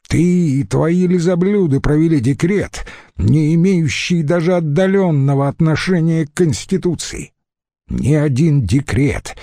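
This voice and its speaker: A man's voice: a little high, mellow, no echo, clean studio sound, voice pushed up. A man reading an audiobook, voicing a defiant young Roman tribune who talks in a bold, mocking, commanding way.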